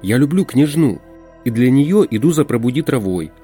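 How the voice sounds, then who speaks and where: A man's voice: mid-range voice, expressive, normal speed, warm tone, slightly rough, faint music behind, voice pushed up. A man playing an irritable, sarcastic journalist in an audiobook. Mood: weary. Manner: curt, sarcastic. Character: irritable modern male journalist.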